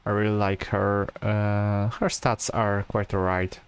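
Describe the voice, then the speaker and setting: A man giving relaxed, rambling gameplay commentary, full of fillers and restarts. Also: fairly low pitch, measured pace, clean tone. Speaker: gameplay streamer.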